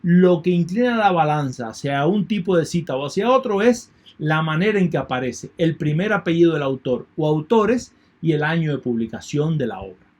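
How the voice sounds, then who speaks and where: A man's voice: on the high side, lively intonation, normal speed, hardly any pauses, darkish tone. A man teaching an online lecture in a methodical way, repeating key points and thanking his students. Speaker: university lecturer.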